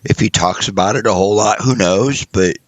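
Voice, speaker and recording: A man's voice: on the low side, a little fast, no room sound. A man co-hosting a casual podcast, talking in long rambling sentences full of hedges. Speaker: podcast co-host.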